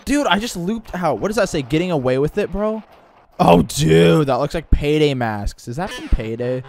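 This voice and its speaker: Excitable bro-talking young man, animated pitch. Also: normal speed. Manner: excitable frat-bro slang, lots of 'bro' and 'dude'. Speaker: gamer. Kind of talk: casual gaming chat with a friend. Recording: clear background noise, game engine sounds.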